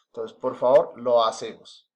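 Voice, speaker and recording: In a steady, mid-range voice and an unhurried pace, a Colombian-accented man gives a recorded school lesson. His step-by-step explanation is full of fillers and frequent checks on whether students are following.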